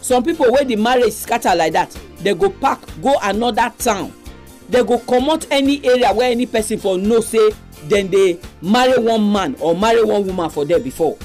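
A woman's voice: medium pitch, lively intonation, moderate pace, darkish tone, soft background music. A woman with a Nigerian accent, hosting a religious radio program and addressing listeners with exhortations and announcements.

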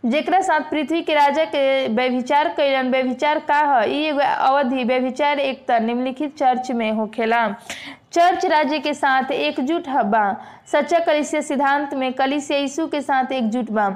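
Preacher: woman, high voice, Bhojpuri accent, steady measured Bible sermon.

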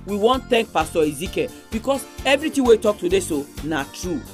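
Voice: mid-range voice, very animated, fairly quick. Nigerian Pidgin radio presenter over music. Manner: exhorting, addressing listeners directly.

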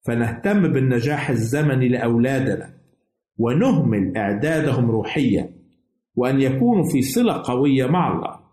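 A man's voice: mid-range voice, mellow. A man hosting a religious radio program, giving a scripted Bible lesson in a formal, didactic manner. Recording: roomy, echoing voice recording.

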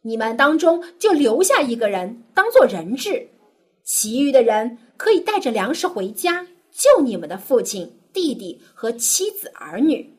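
A woman's voice: a little high, big pitch swings, unhurried, breathy edge, heavily acted. A woman voicing a stern male governor. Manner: severe, commanding. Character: stern powerful male governor testing brothers. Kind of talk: children's story dialogue.

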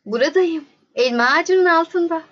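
A woman voicing a wise wild fox in a storybook, calm and explaining patiently. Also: very high-pitched, moderate pace, muffled recording, pitched above the performer's own voice.

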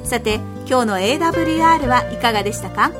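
A woman reading scripted radio announcements in a polite, bright manner as the show's host. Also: on the high side, animated, very fast. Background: music.

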